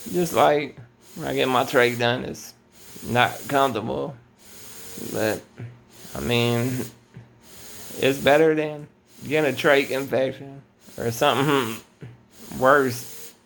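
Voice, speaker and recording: A man's voice: medium pitch, slow pace, gravelly, long pauses, a bit bright, a little hiss or hum. A man talking in a casual, rambling late-night monologue to his viewers, laid-back and often saying "man". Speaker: vlogger. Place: at home at night.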